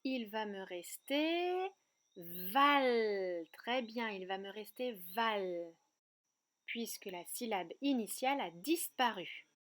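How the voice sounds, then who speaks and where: Slow, gentle woman teaching young children. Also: fairly high pitch, animated. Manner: slow, clear, syllable-by-syllable teaching. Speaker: kindergarten teacher. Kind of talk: remote lesson for young children. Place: outdoor terrace at night.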